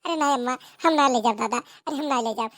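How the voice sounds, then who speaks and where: A woman's voice: high voice, fast, no echo, studio quality, lightly acted. A woman with an Awadhi accent voicing a lazy, whining young man in a cartoon comedy, pleading melodramatically. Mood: wailing.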